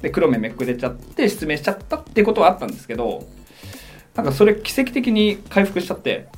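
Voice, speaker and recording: A man from Hiroshima, a podcast guest, speaking in relaxed casual conversation and hedging with lots of fillers. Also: high-pitched, fast talker, soft background music. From Hiroshima, Japan. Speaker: guest, professional gamer.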